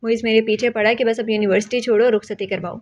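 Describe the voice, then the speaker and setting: A woman voicing a bashful, easily irritated young woman who gets flustered, slightly high. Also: fairly even intonation, a little mellow, slight background noise, close to an everyday voice. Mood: matter-of-fact. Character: bashful, touchy young woman, quick to snap. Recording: dull lo-fi audio.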